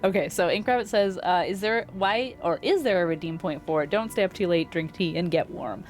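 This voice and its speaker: A woman's voice: on the low side, fairly quick. A young adult woman casually commenting on a game she plays live, chatty and playful, reading viewer messages aloud. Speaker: streamer. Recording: voice over loud game music.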